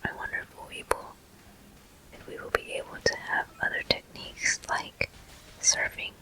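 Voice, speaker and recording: In a soft, breathy whisper, a person offers gentle, unhurried ASMR commentary while hosting a video game walkthrough.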